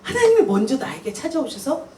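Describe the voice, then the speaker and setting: A woman missionary preaching to young people, animated and full of questions, speaking casually to the kids. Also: high-pitched, brisk. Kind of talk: sermon. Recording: echoey room, voice heard from far off, faint noise.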